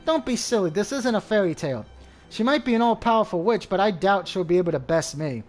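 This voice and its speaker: A man's voice: high-pitched, animated, fast, darkish tone. A man reading the lines of a proud, self-assured young female knight in a game.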